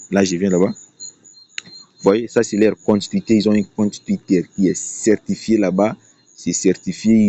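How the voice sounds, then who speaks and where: The voice here is fairly low and dark: a man giving an off-the-cuff screen-share tutorial on YouTube to promote a trading platform. He explains with emphasis and keeps repeating phrases, captured in a dull, lo-fi recording.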